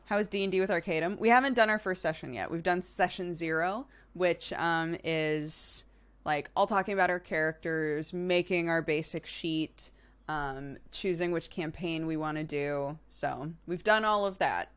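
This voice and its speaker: This livestream host, a woman in her early thirties, has a lowish, clear, resonant voice with a fairly bright tone and a moderate pace. She chats casually and informally with live viewers, conversational and quick to laugh.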